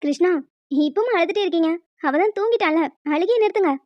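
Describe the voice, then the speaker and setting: A woman voicing a brisk, matter-of-fact young doctor in a cartoon, a little teasing. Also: extremely high pitch, no room sound, dull audio. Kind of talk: cartoon voice acting.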